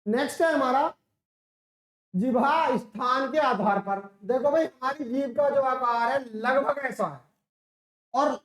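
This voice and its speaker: High-voiced woman teacher in an echoey room. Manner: explains step by step, asks questions and answers them herself; demonstrates sounds by drawing them out. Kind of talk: classroom lecture.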